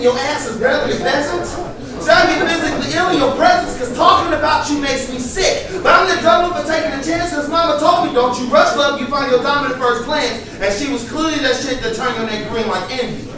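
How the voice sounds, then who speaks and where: At a live poetry event, a spoken word poet performs for an audience with a high voice and a brisk, emphatic, impassioned rhythm, with some passages sung. The echoey venue is picked up on a distant mic, with crowd noise in the background.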